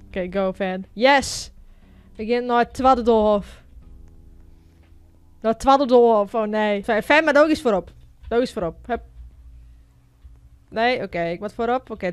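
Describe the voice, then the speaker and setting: A woman's voice: a little high, clear, resonant tone, dry recording. A woman with a Frisian accent chatting casually to viewers while she plays a video game, exclaiming at what happens on screen. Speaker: gaming video host. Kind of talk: casual gameplay commentary.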